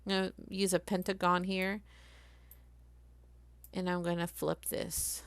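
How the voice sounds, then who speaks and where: A woman live-streaming a craft software tutorial, chatty and thinking aloud as she works. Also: fairly low pitch, little pitch movement, unhurried, no echo.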